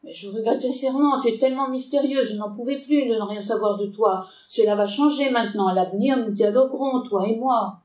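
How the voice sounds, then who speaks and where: A woman's voice: a little high, brisk, hardly any pauses, darkish tone, lightly acted. A woman reading the lines of a middle-aged father who coaxes anxiously while held at gunpoint, in a roomy space away from the mic. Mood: pleading. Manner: coaxing, anxious. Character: pleading middle-aged father caught in his bath. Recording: roomy sound, mic far off.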